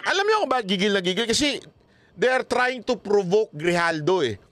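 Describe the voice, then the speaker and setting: Mocking high-voiced male commentator. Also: very animated, fairly quick, a bit bright, dry recording. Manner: mocking, laughs often, asks viewers rhetorical questions. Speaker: political commentator. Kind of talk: casual political commentary.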